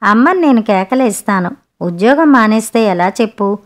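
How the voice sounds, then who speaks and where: A woman's voice: mid-range voice, expressive, normal speed, natural voice. A woman voicing a practical, matter-of-fact young husband in a read-aloud story, reasoning plainly. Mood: soothing.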